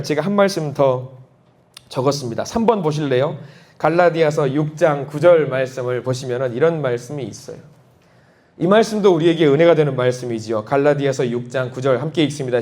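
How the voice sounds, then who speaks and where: A man preaching a sermon as a church pastor, telling a story and acting out the quoted voices with big swings of pitch. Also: darkish tone. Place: church sanctuary.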